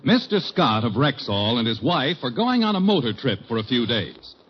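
A man announcing a 1940s radio comedy show in a formal, booming sponsor style, heard as an old radio show broadcast. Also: sing-song, normal speed. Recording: dull lo-fi old radio broadcast with loud music.

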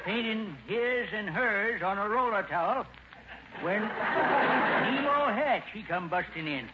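A man's voice: high-pitched, expressive, takes it slowly. A man playing a hard-of-hearing, rambling old country hotel keeper in 1940s radio comedy, repeating himself in rustic grammar. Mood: folksy, rambling. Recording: dull, faintly noisy old radio recording.

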